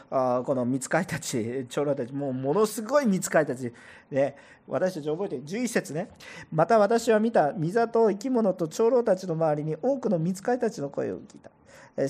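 A man preaching a sermon to a church congregation as pastor, animated and asking listeners rhetorical questions. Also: fairly high pitch. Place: church service before a congregation.

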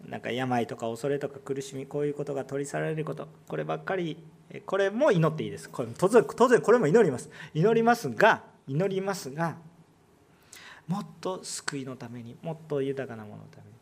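A male pastor with a Kansai accent preaching a sermon, swinging between loud emphatic lines and hushed ones and putting rhetorical questions to the congregation. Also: mid-range voice, brisk, creaky. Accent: Kansai Japanese.

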